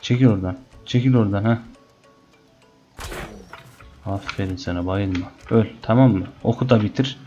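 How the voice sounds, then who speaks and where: A man's voice: lowish voice, normal speed, long pauses, mellow, highs cut off, faint music behind. A man commenting on his gameplay and playfully taunting the animals in the game. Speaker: gaming channel host. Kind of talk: Let's Play commentary.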